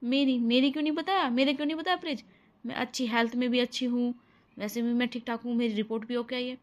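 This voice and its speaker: A woman's voice: a little high, fairly even intonation, fast talker, muffled recording, lightly acted. Woman voicing a weary young daughter-in-law. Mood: worried. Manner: soft-spoken, complaining. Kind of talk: cartoon family drama voice acting.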